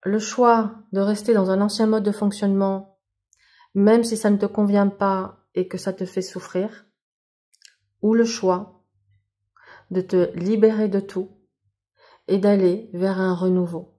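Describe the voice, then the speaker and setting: A woman's voice: mid-range voice, little pitch movement, a little slow, pauses often, warm tone. A woman giving a monthly tarot reading that she addresses straight to the viewer. She talks casually and spiritually, and often breaks into wonder at the cards. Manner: enthusiastic, spiritual, exclaims in wonder; casual, speaks directly to the viewer. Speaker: tarot card reader.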